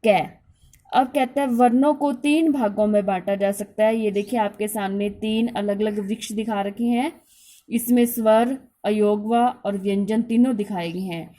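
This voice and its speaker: A woman's voice: mid-range voice, fairly even intonation, measured pace, dark tone. A woman teacher giving a school grammar lesson, posing questions to the class and answering them herself. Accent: Hindi.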